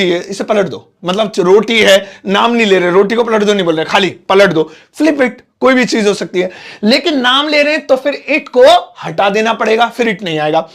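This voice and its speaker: A man with an Indian accent teaching English phrases in Hindi, chatty, often repeating each phrase slowly word by word. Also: extremely high pitch, vocal fry, fairly bright tone. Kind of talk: Hindi-medium English lesson.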